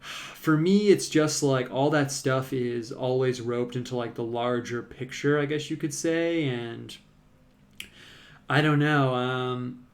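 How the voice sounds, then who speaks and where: Laid-back man with a gravelly voice. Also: mid-range voice, slow pace. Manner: rambling, relaxed, many "like"s and fillers. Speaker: artist streaming a live painting show. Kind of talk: casual live-stream chat while painting.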